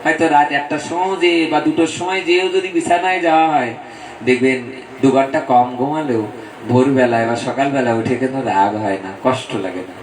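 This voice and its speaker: A man's voice: mid-range voice, a little hiss or hum. A man with a Bangladeshi Bengali accent reciting a devotional story as a sermon, in a sing-song preaching manner with chanting. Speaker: Bhagavata reciter. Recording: echoey room, distant mic.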